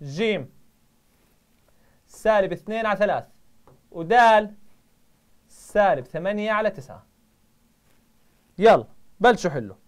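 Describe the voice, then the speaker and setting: A man's voice: high voice, lively intonation. Jordanian male math teacher quizzing students. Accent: Jordanian Arabic. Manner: quizzing students with quick questions. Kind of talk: live online review lesson.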